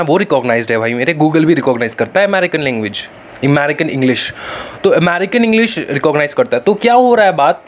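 A man teaches in a relaxed, chatty way and keeps asking his students whether they follow. His voice sits a little high for a man. A faint background noise runs under the recording. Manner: chatty, repeats tag questions to students. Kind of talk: casual online lecture.

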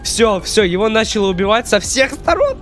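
High-pitched young-sounding male gaming commentator over music. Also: sing-song, normal speed, fairly bright tone. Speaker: YouTuber narrating a prank video.

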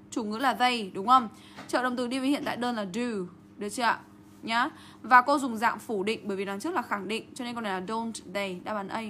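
In a lesson walking through exam answers, a cheerful woman who teaches English speaks in a high voice over a faint hiss. She stays lively and keeps checking in with the class through rhetorical questions.

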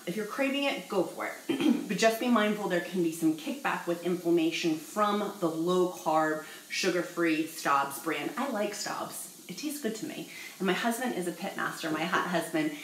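A woman talks straight to camera in a home cooking vlog, bubbly and jokey. Her voice sits a little low. The room around her is echoey, with a faint hiss of noise. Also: moderate pace. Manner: chatty, bubbly, jokey, addresses viewers as y'all. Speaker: vlogger.

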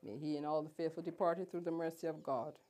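Casting: female officiant, low voice, solemn and measured liturgical delivery of burial prayers. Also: steady tone, warm tone. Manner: solemn, measured recitation with pauses. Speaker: officiating minister at a funeral. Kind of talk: liturgical funeral committal prayer.

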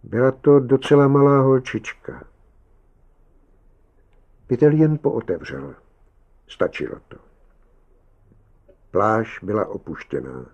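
A man reading a short story aloud as scripted narration, measured, with long pauses between phrases. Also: medium pitch, darkish tone, dull audio. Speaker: audiobook reader.

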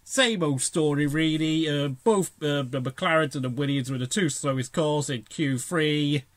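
A man with a fairly high voice gives informal motorsport commentary as a channel host. His delivery is sardonic, and the recording is dry and close. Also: a little slow, no echo.

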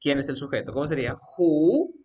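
A man's voice: fairly high pitch, very animated, fairly quick, darkish tone, breathy edge, recorded from a distance. A man teaching an English grammar lesson, coaxing his students step by step with repeated questions. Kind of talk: live online grammar lesson.

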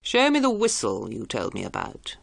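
A woman voicing a stern older army colonel, brisk, firm and commanding. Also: rumbling low, huge pitch swings, vocal fry, dry recording, clean studio sound, pitched below the performer's own voice, exaggerated voice.

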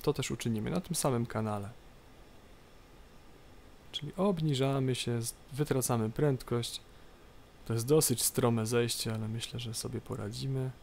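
A man presenting an unscripted game tutorial, explaining step by step in a halting way and repeating phrases. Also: mid-range voice, vocal fry, a little mellow. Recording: light background noise, game cockpit ambience. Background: flight simulator cockpit ambience.

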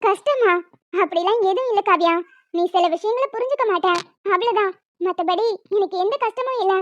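A woman voicing a caring, calm young woman about to marry, who speaks softly and soothingly. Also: very high voice, brisk, no room sound. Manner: soft, soothing, concerned. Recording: dull lo-fi audio with music.

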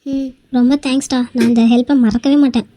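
A woman's voice: sits high, level tone, fast, dark tone, no room sound. A woman voicing a clingy young woman in a cartoon who pleads and thanks over and over, with a scheming edge. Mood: grateful. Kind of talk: cartoon voice acting.

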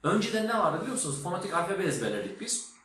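A man gives an emphatic, teacherly spoken lesson and says words aloud to show how they sound. His voice sits a little high. It rings in a very echoey room over a faint hiss. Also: big pitch swings, racing, a bit bright. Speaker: English teacher.

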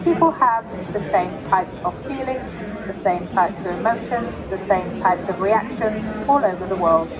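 Formal female robot voice at a noisy expo. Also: medium pitch. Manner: formal, measured phrasing without contractions. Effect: synthetic robot voice. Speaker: interviewee. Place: busy tech expo hall. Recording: loud crowd and music behind.

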